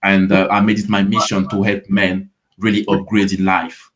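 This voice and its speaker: A man's voice: sits low, level tone, moderate pace, a bit bright. A man in his twenties from Ivory Coast with a French accent, a fitness coach answering interview questions in a friendly way, often repeating words as he starts.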